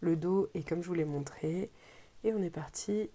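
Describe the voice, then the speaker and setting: A woman's voice: fairly low pitch, normal speed, dark tone. A woman with a French accent casually presenting an unboxing as a reviewer, hesitant and often searching for her words. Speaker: tarot deck reviewer.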